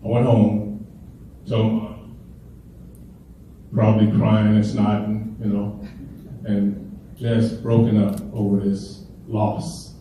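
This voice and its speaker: This keynote speaker, a middle-aged man from Chicago, has a lowish, warm voice, completely flat delivery, and a slow pace with frequent pauses. His motivational speech is built on casual, funny, conversational stories. The recording has hall echo, a far-off mic, and faint hiss.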